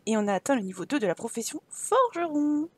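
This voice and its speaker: A woman's voice: high-pitched, sing-song, a little fast, a little mellow, no echo. A woman hosting a gaming video, chatting playfully and reading in-game dialogue aloud from a close microphone. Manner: chatty and playful, reacting with laughs and asides. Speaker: gaming channel host.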